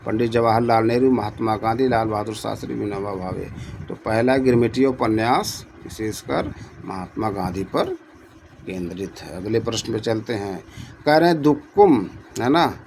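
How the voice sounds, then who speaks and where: A man's voice: medium pitch, gravelly, a little mellow, a little hiss or hum. A man tutoring for Hindi exams, reading out quiz questions and repeating each answer to his students.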